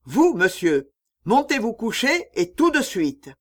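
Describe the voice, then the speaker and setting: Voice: medium pitch, big pitch swings, measured pace. A reader doing a stern commanding old uncle. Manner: commanding, clipped orders. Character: stern old uncle, an angry domineering patriarch.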